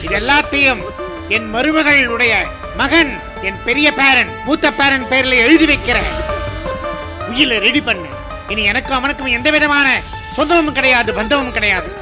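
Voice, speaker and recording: A man's voice: extremely high pitch, moderate pace. A man playing a proud, stern older zamindar patriarch who commands his household and scolds his son. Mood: furious. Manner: commanding, scolding, shouts when angry. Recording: music playing behind.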